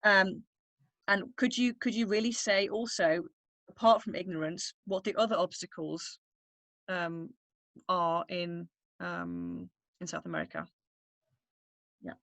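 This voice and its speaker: A woman asking a researcher questions on a video call, halting with many restarts. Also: on the low side, animated, a bit bright, no echo. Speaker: panel questioner. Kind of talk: asking questions in online panel.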